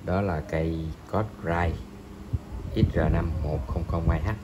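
A man reviewing a fishing rod in a hesitant voice-over, pausing often and filling gaps. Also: deep voice, fairly even intonation, heavy background noise. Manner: slow, hesitant, many pauses and fillers.

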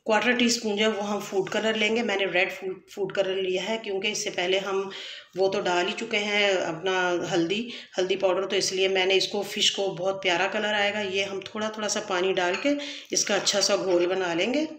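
In an echoey home kitchen, a cooking channel host explains each step patiently, often adding blessings and fixing her own slips. Her medium-pitched voice is a bit bright and brisk with fairly even intonation, and there's a little hiss or hum.

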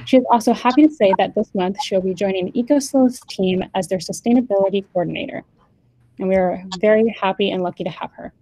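Young woman, panel moderator, measured scripted reading, mellow voice, dry sound, video call. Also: mid-range voice, no echo, poor audio.

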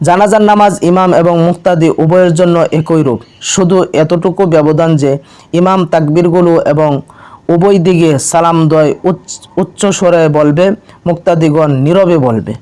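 A man with a Bangladeshi Bengali accent narrates a religious lesson in a smooth, resonant voice. His pitch sits somewhat high for a man. He explains each step plainly and recites the prayers in a slow, measured chant. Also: steady tone, warm tone. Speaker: religious instructor.

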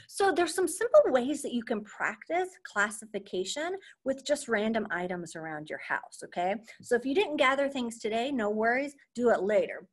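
A young adult woman teaching an online marine science lesson to children over a video call, in an upbeat, chatty teacher voice that keeps checking in with "okay?". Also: fairly high pitch. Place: at home.

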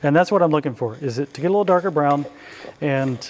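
Speaking quickly in a fairly high voice, this middle-aged man is a chef giving a relaxed, chatty live cooking demonstration and welcoming questions from a small indoor audience in a hall. The audio is poor, with a little hiss or hum.

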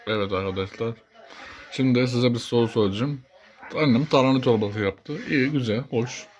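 A man's voice: medium pitch, a little fast, very noisy. Chatty teasing man vlogging at home. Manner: chatty and teasing, often laughing. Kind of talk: casual home vlog chat. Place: village house kitchen, indoors.

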